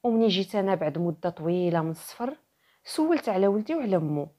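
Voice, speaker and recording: Old sheikh played by a female narrator, Moroccan accent, lower-pitched, earnest and sorrowful folktale storytelling. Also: big pitch swings, fast, mellow. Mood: sorrowful recounting. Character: sorrowful old sheikh recounting his strange tale.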